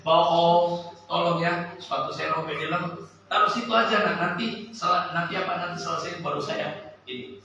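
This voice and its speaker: A man preaching a sermon and telling a personal story, with an animated voice that climbs and sinks sharply. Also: high-pitched, normal speed, creaky, noisy background. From Sulawesi, Indonesia. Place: church service hall. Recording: echoey church hall, from a distance.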